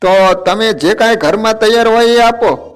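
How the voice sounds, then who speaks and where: A man voicing a playful young divine figure who is hungry and tired, speaking a little higher than his own voice. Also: normal speed, lightly acted. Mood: demanding. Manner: raised pitch, playful and demanding.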